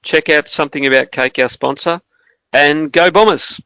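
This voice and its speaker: Gravelly Australian man hosting a podcast. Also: fairly high pitch, moderate pace, sharp tone, dry recording, rough recording. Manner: casual, joking, a bit crude. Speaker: podcast host. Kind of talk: casual footy podcast chat.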